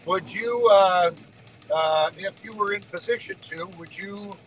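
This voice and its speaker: A man's voice: sits high, measured pace, a bit bright, a little hiss or hum, poor audio. A middle-aged man co-hosting a casual podcast, playful and joking, often stumbling into restarts. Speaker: podcast co-host. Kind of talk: casual chat.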